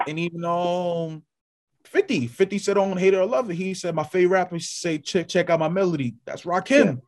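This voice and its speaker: A man's voice: high voice, a little fast, a little mellow. A man co-hosting a podcast in casual chat, rambling with many restarts and perking up when he lists names. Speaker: podcast co-host.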